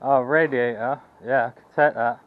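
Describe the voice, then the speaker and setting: A man's voice: medium pitch, fairly even intonation, moderate pace. A British man working as a scrap collector, chatting casually with customers outdoors. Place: outdoors on a street. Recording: tinny narrow sound, faint vehicle noise.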